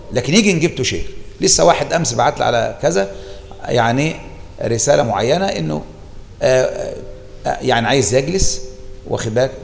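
In an animated religious lesson on a classical text, a man with an Egyptian Arabic accent repeats key phrases for emphasis. His medium-pitched voice is creaky, and a long reverb tail follows it.

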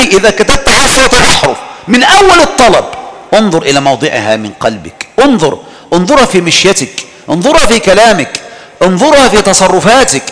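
A man preaching a sermon, fervent and pleading, drawing out his words for emphasis. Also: high voice. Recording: long hall reverb.

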